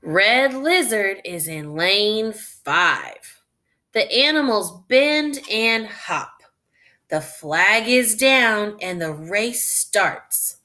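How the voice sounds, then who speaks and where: This is a woman with a mid-range, animated voice reading a picture-book story in teacher mode. She reasons aloud and guides the little ones step by step in an instructional way.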